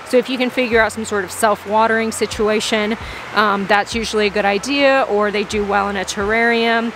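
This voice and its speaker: A young woman vlogging a plant shopping trip in a large greenhouse nursery, gushing over plants and reading the prices aloud. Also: on the high side. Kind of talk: excited plant-shopping vlog. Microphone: handheld phone camera. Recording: steady background noise.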